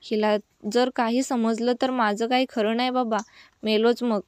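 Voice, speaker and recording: A woman voicing a flustered, lovestruck young male college student in a read-aloud story, in her own smooth voice. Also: on the high side, flat delivery, moderate pace, darkish tone, no echo, lightly acted. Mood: panicked.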